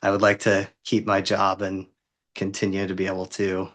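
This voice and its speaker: A man in his thirties from Vancouver, Washington, in the US Pacific Northwest, is a podcast guest who works in city housing. His voice sits low with a fairly bright tone, and his delivery is completely flat at a normal speed as he jokes in a self-deprecating way during the conversational interview.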